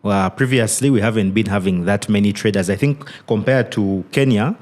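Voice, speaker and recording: A man speaking as a guest trading educator on a podcast, thoughtful and halting, with many "you know"s. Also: lowish voice, darkish tone. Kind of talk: casual podcast interview.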